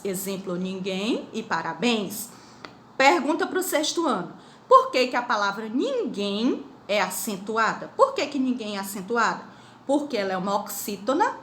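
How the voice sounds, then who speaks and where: A middle-aged Brazilian woman teaching a grammar lesson to schoolchildren, explaining slowly and asking the pupils questions. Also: a little high, fairly bright tone. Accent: Brazilian Portuguese. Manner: slow, drawn-out explanations with repeated questions to pupils. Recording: echoey room with faint noise.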